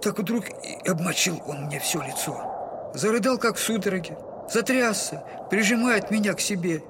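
Playing a loving poor father and humble, wounded retired captain in an audio drama, the actor sounds grieving as he speaks haltingly, effusively and with old-fashioned servility. His voice is high with lively intonation, set against a noisy background.

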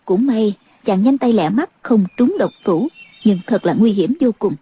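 Breathy woman narrating an audiobook. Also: medium pitch, normal speed. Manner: steady storytelling delivery. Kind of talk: scripted narration. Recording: dull lo-fi audiobook recording.

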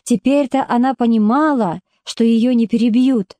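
Mellow woman reading literary prose. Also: a little high, dry recording. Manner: measured, expressive storytelling. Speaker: audiobook narrator. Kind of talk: scripted literary narration.

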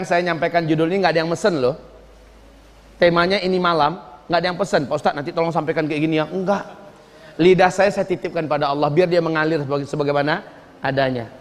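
A middle-aged man preaching a sermon in a large mosque hall, lively and humorous, mimicking the people he talks about. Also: high voice.

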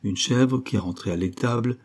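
A man narrating a classic fairy tale in a measured storytelling manner. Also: medium pitch, a little mellow, husky. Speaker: audiobook narrator. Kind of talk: scripted literary narration.

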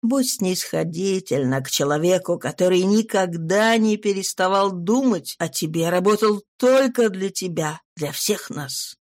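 A woman reader lowering her voice to play an absorbed, tender middle-aged scholar speaking lovingly to his wife. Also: animated, measured pace, a little mellow.

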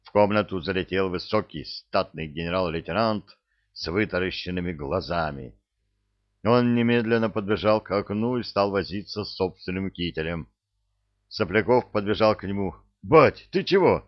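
A man reading a comic army story aloud as narrator, in a deadpan storytelling manner. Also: deep voice, normal speed. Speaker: audiobook reader. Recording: dull dry recording.

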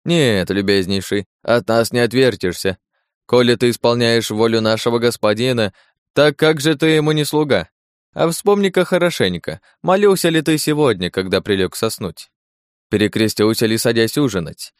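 A man's voice: fairly low pitch, fairly even intonation, moderate pace, clear, resonant tone, no room sound, clean studio sound, lightly acted. A man voicing a sly, mocking demon disguised as a clerk, jeering and coaxing in an audiobook. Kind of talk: audiobook character voice.

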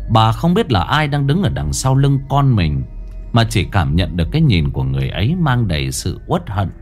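A man's voice: fairly low pitch, a little mellow. A man narrating a ghost story with dramatic, swinging delivery.

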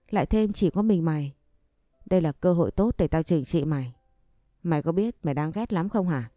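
A woman's voice: lowish voice, mellow, dry recording, clean studio sound, lightly acted. A woman voicing a cruel, scheming woman who taunts with open contempt, in an audio story.

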